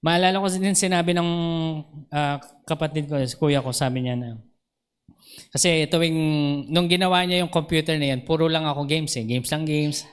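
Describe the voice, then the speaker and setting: A man's voice: fairly high pitch, steady tone, moderate pace, clean tone. A male pastor with a Filipino accent, preaching a storytelling sermon at a church service, laughing often and acting out dialogue. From Philippines.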